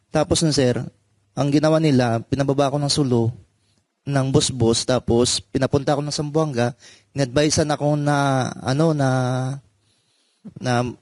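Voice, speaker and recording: Halting ex-marine telling his story. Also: medium pitch, a little mellow, dry recording. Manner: halting, many restarts, says sir after nearly every phrase. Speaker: discharged marine. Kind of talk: personal account in an interview.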